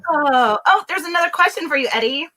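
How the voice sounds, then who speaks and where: A woman's voice: sits high, lively intonation, a little fast, pushed and bright, low-quality recording. A woman hosting a casual live event with an upbeat, encouraging manner. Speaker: event host.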